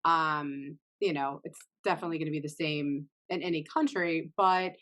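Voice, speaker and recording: Host: woman, slightly low pitch, loose conversational questions padded with fillers. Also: fairly even intonation, moderate pace, a bit bright. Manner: conversational, many fillers while framing questions. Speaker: podcast host. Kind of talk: casual interview chat.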